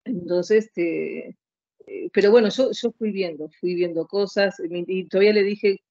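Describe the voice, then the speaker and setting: A woman's voice: mid-range voice, moderate pace, warm tone, no room sound, highs cut off. A woman in her late fifties telling her own story as an interview guest, rambling and heartfelt. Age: 50s. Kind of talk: emotional personal account.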